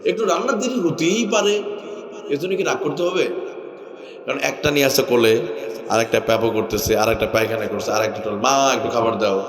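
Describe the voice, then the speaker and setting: A man from Bangladesh preaching an Islamic sermon to a crowd. He asks rhetorical questions and swings from raised, lively passages to hushed ones. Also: mid-range voice, brisk, pauses often, roomy sound, long reverb tail, distant mic.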